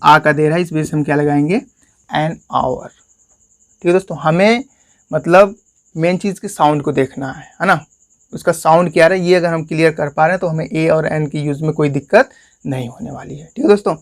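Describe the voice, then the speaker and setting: A man's voice: on the high side, normal speed. A man with a Hindi accent teaching English grammar in a classroom-style lesson, often calling his listeners friends and asking questions that he answers himself. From India.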